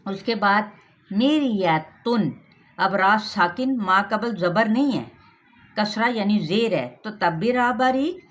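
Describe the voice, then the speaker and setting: A woman with a Pakistani Urdu accent teaching Quran recitation rules, patiently explaining step by step and drilling each sound slowly. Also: medium pitch, fairly bright tone. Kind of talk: tajweed lesson with recitation.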